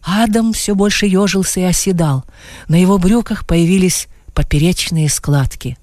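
A woman narrating a novel aloud with expressive storytelling. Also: fairly low pitch, moderate pace, no room sound, clean studio sound. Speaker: audiobook reader. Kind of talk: audiobook narration.

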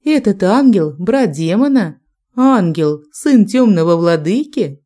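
A young heroine, read by a woman with a dry, ironic and irritated manner. Her tone is mellow and warm, as in a storybook reading. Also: mid-range voice, unhurried, natural voice.

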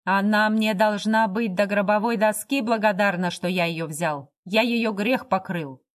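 A coarse drunken man bellows and jeers at everyone around him, loud and crude, his taunts sneering and shameless, as a woman reading the story puts him on. He mocks and shouts from his chair in a storybook reading. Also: mid-range voice, measured pace, lightly acted. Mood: contemptuous.

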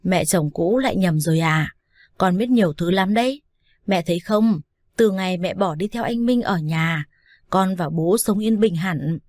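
A woman's voice: fairly low pitch, moderate pace, no room sound, studio quality, close to an everyday voice. A woman reading as a cheeky young daughter-in-law. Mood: mocking calm. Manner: calm, teasing, lightly mocking.

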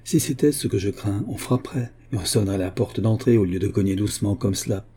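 A man's voice: lowish voice, a little fast, mellow, husky. A man voicing a frightened, guilty father who is a murderer. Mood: muttering. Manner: agitated, fearful.

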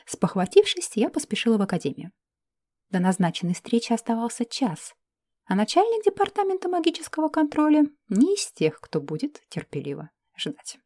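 A woman narrating a fantasy audiobook in the first person, telling the story in a lively, expressive way. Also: a little high, normal speed, dry recording, clean studio sound.

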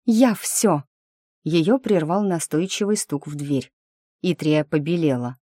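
Woman narrator with a low voice, wry first-person audiobook delivery. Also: unhurried, dark tone, no echo, studio quality.

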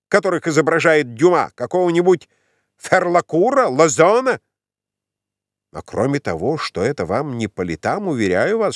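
A man's voice: a little high, no room sound, clean studio sound, pitched above the performer's own voice. A man reading an audiobook, voicing an imperious middle-aged mother who is demanding, insistent and exasperated.

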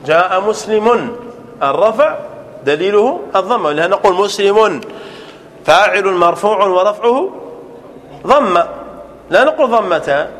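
A man teaching Arabic grammar in a classroom, asking rhetorical questions and repeating examples slowly as he dictates them. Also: high voice, lively intonation, fairly bright tone. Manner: dictates examples at a slow, deliberate pace.

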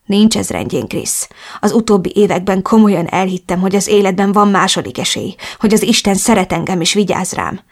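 A woman voicing a grieving young male mafia boss who speaks quietly and pleadingly in an audiobook. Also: medium pitch, close to an everyday voice.

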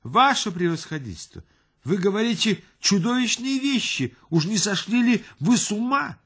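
A man's voice: high-pitched, very animated, moderate pace, fairly bright tone, slightly rough, pitched above the performer's own voice, exaggerated voice. A man voicing a frightened wealthy banker who pleads and exclaims in an audiobook. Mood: desperate. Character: panicking wealthy male banker, easily terrified.

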